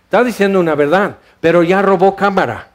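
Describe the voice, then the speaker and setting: A man's voice: sits high, a little fast. A man preaching a sermon in a church hall, asking rhetorical questions and explaining scripture with animation. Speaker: pastor.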